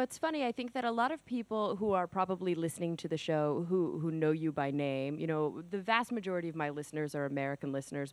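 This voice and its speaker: A woman hosting a podcast, slightly under the weather, brisk and upbeat as she introduces and interviews a guest. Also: sits low, no room sound. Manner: brisk and upbeat, quick asides. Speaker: podcast host. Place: at a conference venue.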